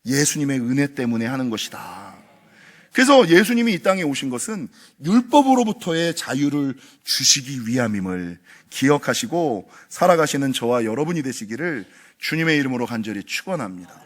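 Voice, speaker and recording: A man's voice: medium pitch, sing-song, normal speed. A man preaching a sermon as pastor, emphatic and full of rhetorical questions to the congregation.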